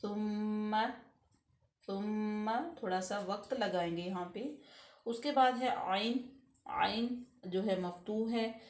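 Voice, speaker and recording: A woman teaching Quran recitation rules step by step, patiently explaining each letter and then reciting the words slowly. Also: mid-range voice, darkish tone, echoey room. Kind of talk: step-by-step tajweed lesson.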